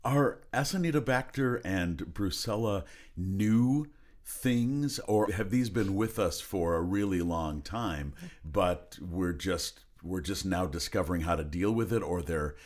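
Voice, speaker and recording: A man's voice: low-pitched, a little slow, darkish tone. A man hosting an interview, asking friendly, rambling questions. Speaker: host.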